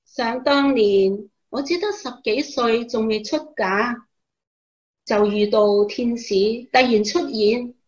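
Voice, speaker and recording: An actress with a Hong Kong Cantonese accent playing a calm, devout mother in a Bible radio drama, telling her story in a measured, expressive way. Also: on the high side, lo-fi sound. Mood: serene, assured.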